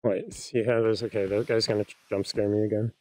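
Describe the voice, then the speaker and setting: A man's voice: lowish voice, level tone, fairly quick, darkish tone, a little hiss or hum, rough recording. A man streaming a horror game with live casual commentary, scared, jumpy and swearing as he goes.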